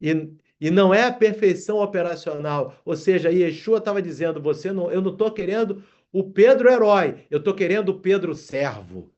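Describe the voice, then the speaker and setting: Man, sermon, high voice, muffled lo-fi sound. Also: lively intonation, moderate pace, few pauses, a little mellow. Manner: addresses congregation as brothers, reads scripture aloud. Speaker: preacher.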